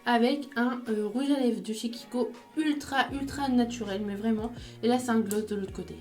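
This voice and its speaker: A woman's voice: a little high, normal speed, a little mellow, soft background music. A woman chatting casually through her makeup routine step by step, with small fillers as she goes. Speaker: beauty vlogger.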